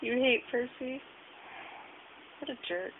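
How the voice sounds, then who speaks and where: A woman's voice: a little high, slow pace. A woman chatting casually and playfully, asking short prompting questions and echoing answers back. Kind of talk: casual questioning of a sleep talker. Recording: noisy, hissy, tinny phone-like home recording.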